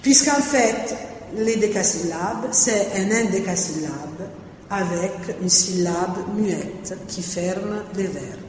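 A woman's voice: mid-range voice, slow pace, a little mellow. A woman giving an academic lecture on translation and verse drafts, hesitant, with many fillers and restarts. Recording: very echoey hall, faint noise.

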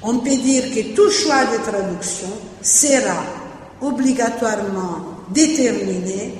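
A woman's voice: fairly high pitch, takes it slowly, a little mellow. Woman lecturing in a very echoey hall. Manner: hesitant, many fillers and restarts. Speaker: lecturer on translation. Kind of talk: academic lecture. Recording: very echoey hall, faint noise.

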